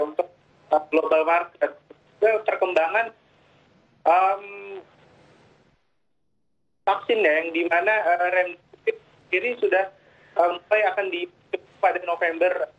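Over a tinny, phone-like remote video call that keeps cutting in and out, a male market analyst hesitates and fills gaps with many filler sounds. His high voice stays steady, a little slow, with long pauses.

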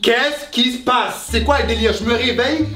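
A man's voice: extremely high pitch, normal speed, fairly bright tone, echoey room, faint music behind. A young man in a comedy sketch, flustered and exclamatory.

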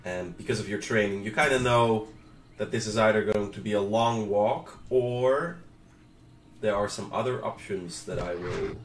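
A Dutch man from the Netherlands, with a Dutch accent, hosts and game-masters a tabletop game, narrating and chatting casually as he plays. His voice is on the low side at a moderate pace, with faint music in the background, and he's laid-back and swears casually.

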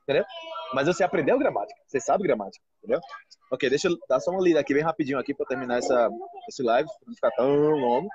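A Brazilian man in his thirties, a Portuguese teacher and channel host, chats casually and animatedly on a live video call from inside a restaurant, often asking "entendeu?". His mid-range voice is a little mellow, with lively intonation and a very fast pace. The audio is dull, picked up by a phone held close on its front camera.

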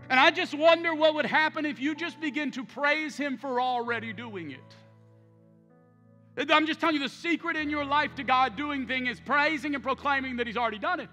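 High-voiced, bright impassioned male preacher. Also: brisk. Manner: impassioned, emphatic preaching with storytelling. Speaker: pastor. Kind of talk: sermon. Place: large church sanctuary. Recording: church hall reverb with soft music.

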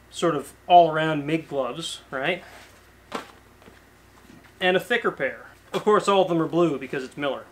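A man in his thirties chatting casually to camera in a cluttered garage workshop, relaxed and full of fillers and restarts. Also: on the high side, slight background noise. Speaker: garage vlogger. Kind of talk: casual show-and-tell to camera.

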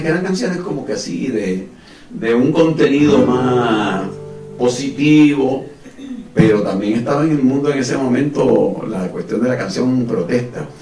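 A middle-aged Puerto Rican man telling stories with a relaxed, chatty manner in a community room. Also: mid-range voice. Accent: Puerto Rican Spanish. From Puerto Rico. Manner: relaxed, chatty between songs, sings décima verses. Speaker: singer-storyteller. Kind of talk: sung verse and spoken storytelling with guitar. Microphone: stand mic, seen from a far camera. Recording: roomy, mic at a distance, loud guitar.

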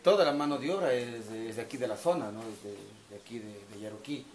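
A middle-aged man with an Ecuadorian accent, speaking as winery staff, answers interview questions politely but haltingly and often repeats himself, his medium-pitched voice somewhat dark in tone. These are informal on-site answers given on a covered brick patio at a winery. A camera several metres away picks him up, so the sound is echoey and distant, with background noise.

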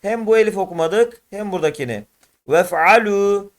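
A man teaching a slow reading lesson, explaining each letter patiently and sounding out syllables slowly and loudly for the listener to repeat. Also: high-pitched. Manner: drawn-out, louder syllables read aloud for repetition; addresses viewers as friends, patient explaining.

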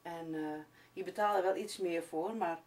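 A woman's voice: lowish voice, steady tone, moderate pace, a little mellow. A woman in her forties who owns a hair and beauty salon, speaking hesitantly with many fillers as she presents her business to camera. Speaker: salon owner. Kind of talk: promotional talk to camera. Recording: distant camera mic with faint room noise.

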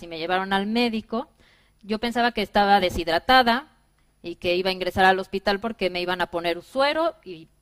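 Woman telling a lively keynote story. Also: medium pitch, clear, resonant tone. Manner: lively storytelling, acts out her own past remarks. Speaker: conference speaker. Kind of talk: personal keynote talk. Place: bright conference room with seated audience.

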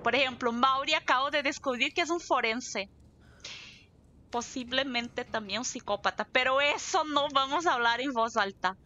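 A woman's voice: high voice, sharp tone, dull audio. A woman from southern Brazil with a southern Brazilian accent, chatting casually and at length while streaming a game. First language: Portuguese. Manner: chatty, talks a lot, laughs easily. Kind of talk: casual live gameplay chat.

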